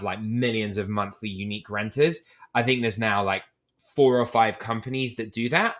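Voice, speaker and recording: This relaxed podcast conversation features a British man, a startup CEO, being interviewed. His voice is lowish but bright and forceful, and his long, candid explanations are scattered with casual fillers.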